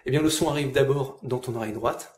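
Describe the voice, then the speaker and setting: A man's voice: medium pitch, quick pace, a little mellow. A man casually explaining a binaural audio demo, playfully asking and answering his own questions, talking as if right beside the listener's ears. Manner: speaks as if close by the listener's ears, moving from side to side. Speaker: presenter of a binaural audio demonstration. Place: indoor room. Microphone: two small binaural electret microphones spaced like human ears. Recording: roomy binaural recording, faint background noise.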